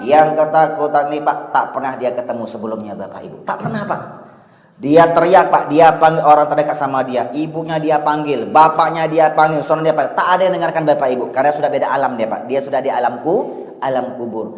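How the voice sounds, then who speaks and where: A man's voice: a little high, fast. Man preaching in an echoey hall. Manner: addresses the audience with 'Pak' and 'Bu' after nearly every phrase; storytelling, with swings between loud and hushed. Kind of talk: sermon. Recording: echoey hall with long reverb.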